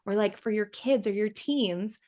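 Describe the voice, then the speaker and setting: A woman's voice: medium pitch, moderate pace, darkish tone. A woman in her thirties, a yoga and meditation teacher, talking casually in an interview and acting out quoted voices. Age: 30s. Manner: chatty, acts out quoted voices, laughs often.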